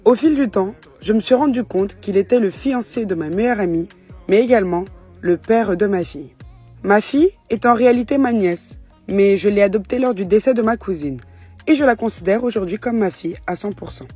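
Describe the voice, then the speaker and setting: A woman reading out a follower's storytime in a steady voice. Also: medium pitch, fast talker, breathy edge, soft background music.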